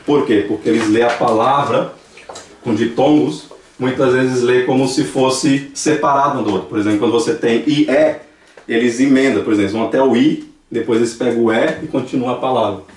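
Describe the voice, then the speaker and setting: A man's voice: medium pitch, brisk. A man with a Brazilian Portuguese accent teaching a language class, patiently explaining and repeating examples aloud. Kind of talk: classroom lesson. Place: church classroom. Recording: echoey room, distant mic.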